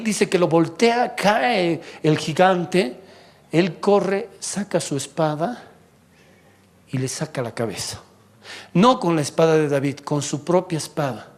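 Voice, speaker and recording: A male pastor preaching a sermon in church, animated, swinging from loud exhortation to quiet asides. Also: on the high side.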